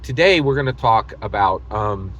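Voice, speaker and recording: An American man hosts a tabletop gaming video channel, delivering a casual, opinionated monologue in a lowish, fairly bright, animated voice. He speaks emphatically and repetitively, often halting mid-thought and leaning on hyperbole.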